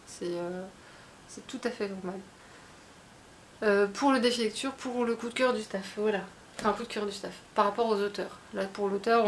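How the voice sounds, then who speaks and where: A woman's voice: medium pitch, a little hiss or hum. A woman chatting casually about her book haul, talking in a hesitant way with many fillers and restarts. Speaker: book vlogger.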